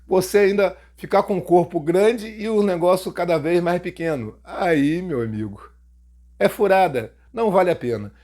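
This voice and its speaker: Brazilian man, slightly higher voice, sarcastic storyteller talking straight to his audience. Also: moderate pace. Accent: Brazilian Portuguese. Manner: mocking, jokey, animated telling. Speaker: storytelling YouTuber. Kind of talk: casual first-person storytelling.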